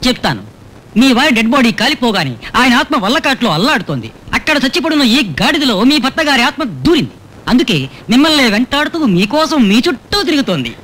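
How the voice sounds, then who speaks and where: A scheming con man who teases and plots in a comic film. His talk is quick and full of swings in pitch. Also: big pitch swings, pushed and bright, exaggerated voice. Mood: solemn fake. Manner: sly, fast and teasing. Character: scheming male trickster conning a widow.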